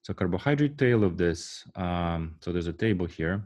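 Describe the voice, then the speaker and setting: A man giving a university science lecture, halting often with fillers and restarts and checking in with the class. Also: deep voice, animated, a little mellow. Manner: asks the class rhetorical "right?" checks.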